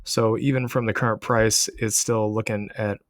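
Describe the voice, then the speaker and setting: Male channel host, lower register, casual explanatory market commentary straight to the audience, dry sound. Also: flat delivery, moderate pace, dry recording. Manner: explanatory, addressing viewers directly. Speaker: crypto trading channel host. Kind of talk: casual market commentary over price charts.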